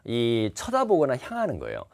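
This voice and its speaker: A man's voice: mid-range voice, huge pitch swings, normal speed. A man teaching a test-prep lecture to the camera, repeating and stressing key words. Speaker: TOEIC instructor. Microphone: facing the camera.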